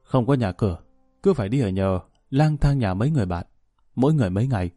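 A man's voice: medium pitch, expressive, fast talker, mellow, dry recording, studio quality, faint music behind, natural voice. A man voicing a grown daughter who coaxes and presses her father insistently. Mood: coaxing. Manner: coaxing, insistent. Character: grown daughter, persistent and coaxing.

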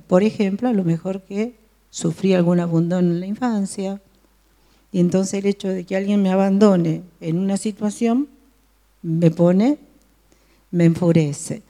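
A woman's voice: mid-range voice, dark tone. A woman teaching a Bible study to a group, often asking her listeners questions. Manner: asks the listeners frequent questions.

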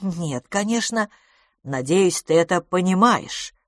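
A woman's voice: fairly low pitch, animated, takes it slowly, no echo, studio quality. A woman voicing a flighty young society woman who speaks in a hesitant, airy way, in an audiobook. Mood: coy.

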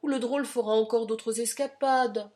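A woman's voice: fairly high pitch, fairly even intonation, normal speed, mellow, voice pushed up, natural voice. A woman voicing a good-humored older uncle who laughs at everything. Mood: jovial. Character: jovial older male uncle, always laughing.

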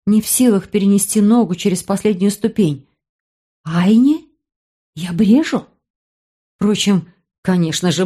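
A woman narrating a first-person story in a measured storytelling manner. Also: medium pitch, mellow. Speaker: audiobook narrator.

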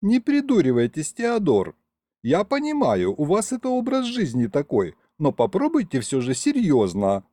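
A man's voice: a little high, huge pitch swings, moderate pace, dark tone, no room sound, studio quality, pitched above the performer's own voice. A man voicing a sensible young female vampire in a raised, polite, weary voice.

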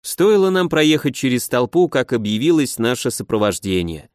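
A man's voice: medium pitch, very animated, moderate pace, no echo. Dry, close male audiobook narrator. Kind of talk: first-person audiobook narration.

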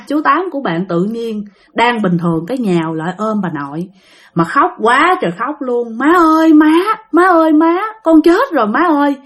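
A woman telling a ghost story in a chatty way, often speaking straight to her listeners. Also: fairly high pitch. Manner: chatty, addresses listeners directly.

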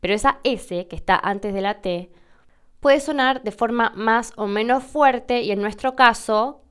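A young adult woman from Argentina with an Argentine Spanish accent, hosting a podcast and explaining pronunciation slowly and carefully. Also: a little high, smooth. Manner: slow, careful demonstrations of pronunciation. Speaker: podcast host answering listener questions.

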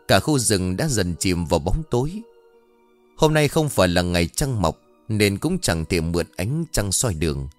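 A man narrating a ghost story in an expressive, dramatic reading style. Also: lowish voice. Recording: faint background music. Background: soft music.

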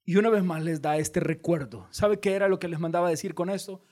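A male pastor, preaching an animated sermon and addressing the congregation directly. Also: high-pitched, a little fast.

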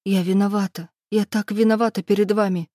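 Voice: medium pitch, fairly even intonation, normal speed, a little mellow, dry recording, clean studio sound, voice pushed up, lightly acted. A reader voicing a guilty, tearful middle-aged mother in an audiobook. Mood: distraught. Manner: pleading, tearful. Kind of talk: audiobook character voice.

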